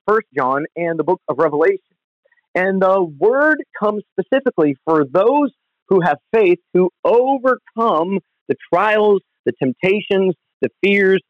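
A man's voice: high voice, no echo. A man, a pastor, gives an earnest, conversational devotional talk from home, heard over the phone. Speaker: pastor and podcast host. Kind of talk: devotional podcast teaching. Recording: dull lo-fi phone recording, dry.

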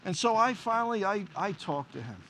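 A man with a high voice preaches a sermon, animated and conversational, slipping into the voices of the people in his stories. He sounds middle-aged. A faint hiss sits underneath. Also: a little fast. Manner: animated, acts out dialogue in stories. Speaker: pastor. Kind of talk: sermon with storytelling.

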